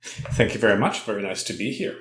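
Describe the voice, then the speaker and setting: A man from Belgium and France, a game developer, chatting casually as a guest and rambling with many pauses and restarts. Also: on the low side, a bit bright, roomy sound. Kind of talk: casual interview chat.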